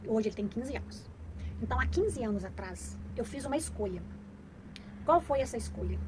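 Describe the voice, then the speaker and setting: A woman's voice: fairly high pitch, background noise. A middle-aged woman talking casually to viewers as a mother giving parenting advice, emphatic and preachy, repeating her points for stress.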